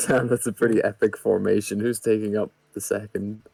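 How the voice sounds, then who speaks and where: A man's voice: on the low side, level tone, normal speed, gravelly, darkish tone, husky, no room sound. A man chatting in an easygoing way as a player in a tabletop game.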